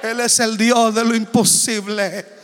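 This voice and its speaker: Male preacher, bright, piercing tone, impassioned sermon delivery. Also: high-pitched, little pitch movement, unhurried, clear, resonant tone, long reverb tail. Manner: impassioned, shouting exhortations, swinging from loud to hushed.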